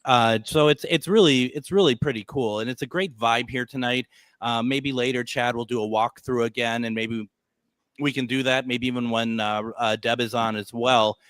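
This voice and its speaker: A man hosting a live radio show in casual chat, speaking haltingly and repeating words as he goes. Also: medium pitch, fairly even intonation, fairly bright tone, no echo.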